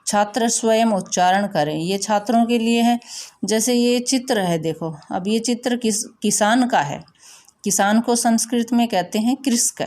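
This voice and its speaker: A woman teacher explaining a school lesson slowly and patiently, repeating her instructions. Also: on the high side, darkish tone. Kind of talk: recorded classroom lesson.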